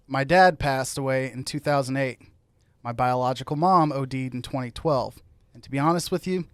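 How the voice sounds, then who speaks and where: A man's voice: mid-range voice, no room sound. An American man co-hosting a sports podcast in casual conversation.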